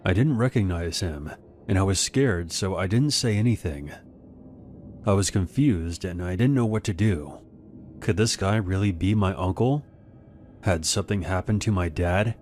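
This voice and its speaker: A man reading first-person horror stories as scripted narration, in a measured, even manner. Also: low voice, slight background noise.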